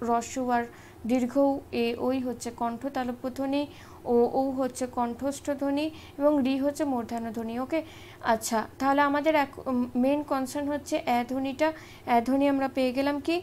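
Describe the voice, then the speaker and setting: A woman's voice: high-pitched, fairly even intonation, brisk, darkish tone, slight background noise. A woman teaching an exam-prep grammar lesson, explaining step by step and often checking in with short tag questions.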